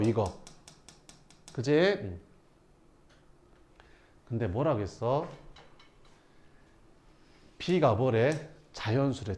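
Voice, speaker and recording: A man teaching math to students, asking rhetorical questions and answering them himself. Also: on the high side. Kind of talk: lecturing students through problems.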